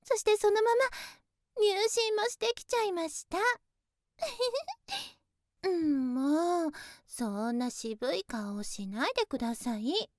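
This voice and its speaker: A woman plays a sheltered, innocent young lady in a one-sided voice drama, her voice pitched extremely high and sweet. She speaks in very polite, airy formal speech, trusting and naive. The sound is close and completely dry, with no room around it. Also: expressive, slow, no echo, full character voice.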